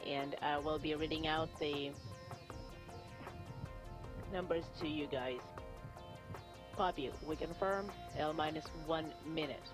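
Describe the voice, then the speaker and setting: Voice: mid-range voice, fairly even intonation, slow pace, pauses often. An interpreter giving a live translation voice-over of launch radio chatter, one voice speaking both sides in short call-outs. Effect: live translation voice-over of radio chatter between launch control and crew. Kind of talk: simultaneous interpretation of launch communications. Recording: distant voice over a music bed.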